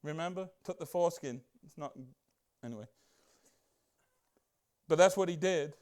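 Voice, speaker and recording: A man preaching a casual Bible-study sermon as a church pastor, chatty and excitable, full of rhetorical questions and asides. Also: fairly high pitch, normal speed.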